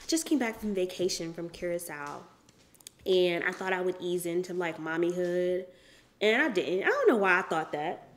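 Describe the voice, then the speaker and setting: Female co-host, 30s, playful storyteller, lively pitch swings. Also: moderate pace. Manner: playful, laughing, animated storytelling. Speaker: podcast co-host. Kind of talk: casual chat.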